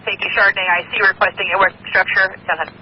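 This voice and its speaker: A man's voice: high-pitched, flat delivery, racing. A man working as a fire dispatcher, giving clipped acknowledgements over a dull lo-fi radio. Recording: dull lo-fi radio, faint noise.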